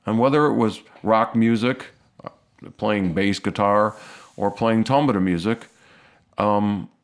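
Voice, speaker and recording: Low-voiced American man, relaxed. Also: a little slow. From United States. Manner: relaxed, hesitant with fillers. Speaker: guest musician. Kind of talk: casual conversation.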